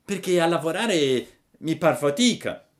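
A man reading a storybook, voicing a mischievous wooden puppet boy in a high, loud, excitable voice. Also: unhurried. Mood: sulky.

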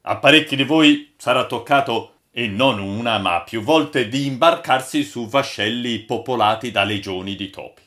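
A man voicing a gruff old ship's boatswain who spins yarns, booming and mock-stern, in an audiobook. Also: normal speed, hardly any pauses, fairly bright tone, close to an everyday voice. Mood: storytelling. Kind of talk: audiobook character voice.

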